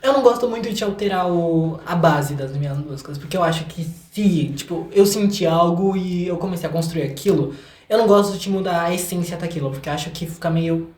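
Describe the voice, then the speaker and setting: A young man with a Brazilian accent and a high-sitting, slightly mellow voice talks briskly as a guest on an interview. A singer-songwriter, he's informal and slangy and jokes about himself. The room is echoey.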